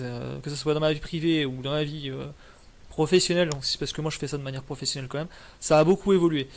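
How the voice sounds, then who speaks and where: A young man wrapping up a live stream in casual chat, rambling with many fillers and restarts. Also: a little high.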